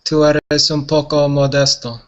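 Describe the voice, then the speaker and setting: Very slow, flat-voiced male student. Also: a little high, muffled recording. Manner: halting learner, searches for words. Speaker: language student. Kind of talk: online class conversation.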